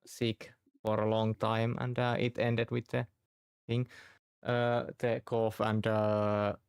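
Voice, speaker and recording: A man from Finland chatting casually, halting often as he searches for words. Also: lowish voice, completely flat delivery, clean tone, no echo, studio quality. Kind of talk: casual chat.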